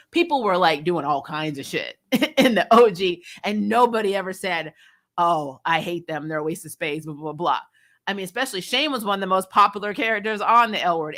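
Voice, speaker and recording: Mild swearing slips into this host's candid, emphatic take on a TV episode as she chats conversationally on her review channel. Her voice is medium-pitched with a sharp tone.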